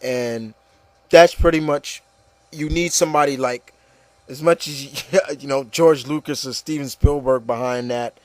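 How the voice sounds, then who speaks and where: A man with a medium-pitched, somewhat dark voice hosts a podcast, leading a casual, opinionated discussion. He speaks emphatically and repeats phrases to drive his points home. The recording has no room sound.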